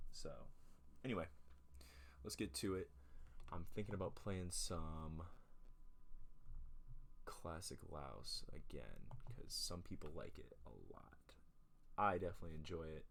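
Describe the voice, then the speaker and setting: There's slight background noise as a young man with a fairly bright bass voice hosts his relaxed home podcast. Using a USB desk mic and headphones, he chats loosely, packing in fillers and correcting himself along the way.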